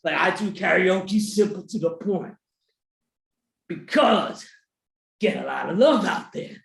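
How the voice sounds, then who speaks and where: A performer putting on a laid-back, slangy Cupid voice, drifting into quiet asides, recorded in an echoey room. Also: mid-range voice, animated, takes it slowly, creaky. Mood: boastful. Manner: drawls slangy lines, trails off into quiet asides. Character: smooth low-talking Cupid, laid-back love god.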